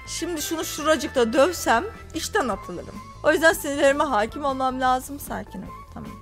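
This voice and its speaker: A woman's voice: high voice, animated, moderate pace, soft background music. A young woman casually commenting while she plays a story game, talking with dramatic, teasing flair. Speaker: gaming YouTuber. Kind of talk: let's play commentary.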